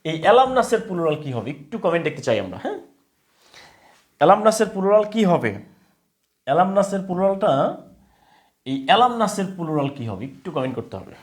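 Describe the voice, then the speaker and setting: A man with a Bengali accent teaching English grammar in a live online class, repeating words slowly and often checking that students follow. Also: high-pitched, big pitch swings.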